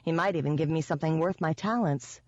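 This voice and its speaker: A woman's voice: deep voice, quick pace, a little mellow, no room sound. Wry, sardonic woman narrator, first-person audiobook, dry and dull-sounding mic.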